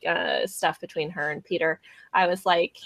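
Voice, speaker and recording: A woman co-hosting a podcast who chats casually and rambles, with plenty of fillers and pauses. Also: lowish voice, fairly even intonation, creaky, fairly bright tone, dry recording. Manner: rambling, filler-heavy, hesitant. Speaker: podcast co-host. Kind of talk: casual chat.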